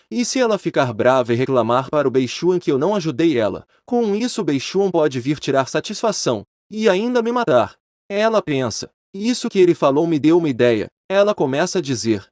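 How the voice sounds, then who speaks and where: Lively man narrating a recap. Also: no room sound, studio quality. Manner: casual, slangy, comments on the plot; lively, pitches up for characters' lines. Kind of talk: casual manhwa recap narration.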